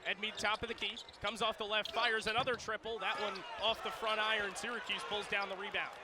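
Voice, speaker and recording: Over the noise of an arena and bouncing basketballs, a radio play-by-play man describes the game in short, clipped phrases and gives the big plays extra punch. He talks a little fast in a high voice that stays level.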